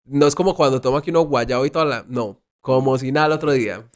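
A man's voice: medium pitch, quick pace. A young man, telling a story in casual chat among friends on a podcast, acting out the lines he quotes. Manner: animated, acts out quoted lines. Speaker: podcast co-host.

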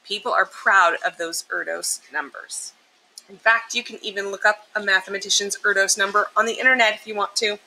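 Reading to young children from a picture book, this brisk, mid-range female voice stays expressive and takes care to explain and emphasize details. Steady background noise is clearly audible on the poor-quality recording.

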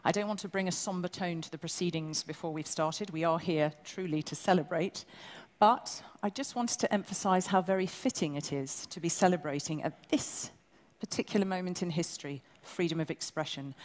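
A woman from England presenting an awards ceremony on stage, brisk, bossy and joking with the audience. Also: sits low, darkish tone. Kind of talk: live stage hosting. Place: large event hall. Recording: long hall reverb.

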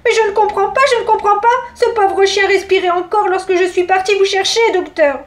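A woman's voice: extremely high pitch, fairly even intonation, brisk, roomy sound, pitched above the performer's own voice. A woman voicing a kindly, fretful grandmother in a read-aloud storybook. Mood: dismayed. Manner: fretful exclamations.

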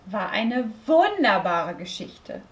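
A woman voicing a small, excitable furry creature that eats books, talking with a lisp in a read-aloud story. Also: mid-range voice, takes it slowly. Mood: chatty. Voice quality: lisping. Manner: relishing, playful word-savoring. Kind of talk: storybook reading.

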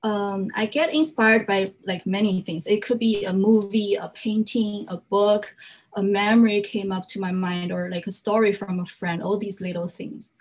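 A young Chinese woman, whose first language is Chinese, gives an earnest slide talk in English about her work as a fiber artist. Her medium-pitched voice stays steady at a moderate pace, and her speech carries frequent "uh" fillers and slightly non-native grammar.

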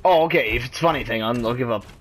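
A young man chatting casually and excitedly with teammates while gaming, laughing and cheering them on. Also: mid-range voice, quick pace, a little hiss or hum. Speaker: gamer.

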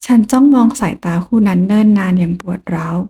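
A woman narrating a romance audio novel in the first person, calm and unhurried. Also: on the low side, breathy edge. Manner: calm, soft, unhurried storytelling.

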